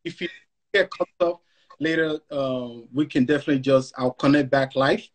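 Chatty man hosting, slightly husky voice. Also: mid-range voice, normal speed. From Nigeria. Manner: upbeat, chatty, with slangy asides. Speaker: interviewer host. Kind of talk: casual interview. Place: home room. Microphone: video call.

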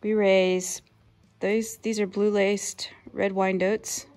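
A woman's voice: mid-range voice, flat delivery, a little mellow, soft background music. Woman, 30s, farm owner, friendly casual tour, phone-recorded. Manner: friendly, unhurried, introducing animals one by one. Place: outdoors and in a barn on a small farm. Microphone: handheld phone camera.

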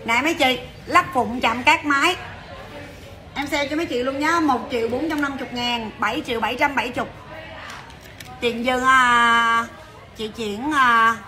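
High bright chatty saleswoman. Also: fairly even intonation, a faint crowd. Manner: chatty, brisk, calls out to viewers. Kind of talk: fast livestream sales patter.

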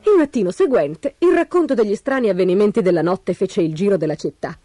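A woman reading a children's storybook aloud, expressive and animated. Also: medium pitch, brisk, faint music behind.

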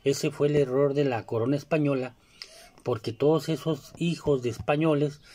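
A man's voice: a little high, darkish tone. Rambling Mexican man, casual monologue. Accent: Mexican Spanish. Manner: rambling, filler-heavy, keeps asking "you know?". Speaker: commentator.

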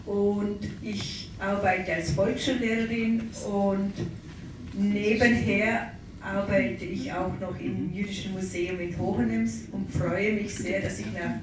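A woman primary school teacher giving a slow, friendly self-introduction at a round-table meeting. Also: medium pitch, fairly even intonation. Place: large wood-panelled hall indoors. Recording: echoey hall, camera far off, hiss.

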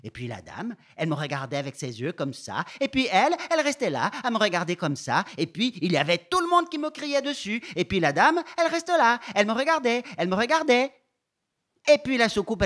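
A man's voice: high voice, very animated, quick pace, a bit bright. A man doing a whiny seven-year-old girl. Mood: defensive, sulky. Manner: whiny, defensive, repeats herself. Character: sulky little girl of seven, wrongly accused. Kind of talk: stage monologue performed live.

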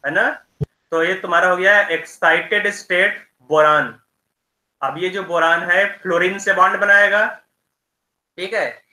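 A man teaching chemistry in an online class, explaining slowly and checking in with his students often. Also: high voice, steady tone, bright, forceful tone, roomy sound, low-quality recording.

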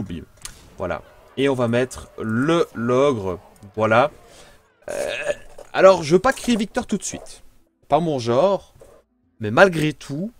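A man with a French accent giving casual, playful commentary on his own card game as he plays, thinking aloud. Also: mid-range voice. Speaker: gameplay commentator.

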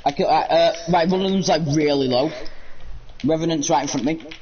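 A man's voice: on the high side, brisk, a crowd in the background. A man making hesitant, filler-laden tactical callouts in casual gaming voice chat. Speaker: gamer. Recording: muffled voice chat with clear background noise.

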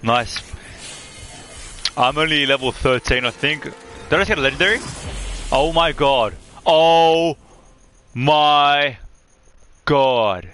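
A young man streaming live from his room on a headset mic, chatting excitedly as he opens game loot. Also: fairly high pitch, slow pace, pauses often, a little hiss or hum. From Australia.

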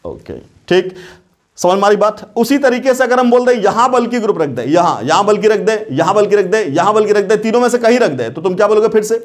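A male chemistry teacher with a high, expressive voice lectures a class at a fairly quick pace. He often repeats questions, checks that students follow, and casually calls them "beta."

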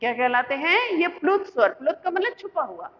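A woman's voice: high-pitched, big pitch swings, fairly quick. A woman teacher explaining a lesson step by step, asking the class questions and answering them herself. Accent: Indian Hindi. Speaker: school teacher. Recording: muffled lo-fi with long reverb.

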